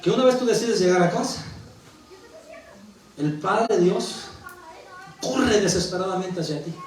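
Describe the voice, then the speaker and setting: A man's voice: sits high, lively intonation, unhurried. A male pastor from Mexico preaching a sermon, with emphatic bursts and rhetorical questions. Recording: echoey hall, voice from a distance.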